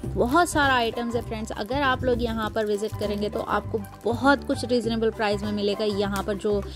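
Brief: woman vlogger, slightly high voice, chatty store walk-through, music under. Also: fairly even intonation, fairly quick. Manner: chatty, explains prices as she walks. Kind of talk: walk-through shopping vlog narration. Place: indoor shopping store. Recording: background music.

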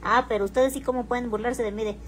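A woman's voice: a little high, steady tone, fast, a little hiss or hum, low-quality recording. Teasing woman, crude slang. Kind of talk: casual livestream talk.

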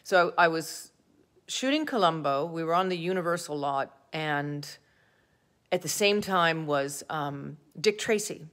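A woman's voice: sits low, lively intonation, a little slow, a bit bright. A middle-aged woman actor telling casual, self-deprecating stories about her career, laughing as she goes. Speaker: actor answering fan questions. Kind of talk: casual anecdotal storytelling.

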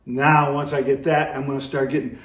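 A man's voice: mid-range voice, little pitch movement, fairly quick. A middle-aged man giving a casual, folksy, rambling instructional demonstration as a calling coach. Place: indoor room with brick fireplace. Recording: roomy, echoey, distant microphone.

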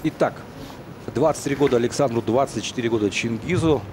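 A man's voice: mid-range voice, brisk, over a noisy crowd. A man giving conversational live commentary on a mixed martial arts fight. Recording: loud music behind commentary. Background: loud music.

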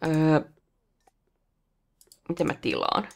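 Hosting a let's play, a woman with a gravelly voice chats casually while gaming and talks to the characters, breaking into sudden, excited high outbursts.

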